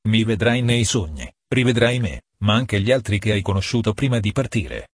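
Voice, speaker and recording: A man voicing a calm, stern male archangel guide who speaks in a firm, unhurried, commanding way. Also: lowish voice, breathy edge, no room sound, clean studio sound. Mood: solemn.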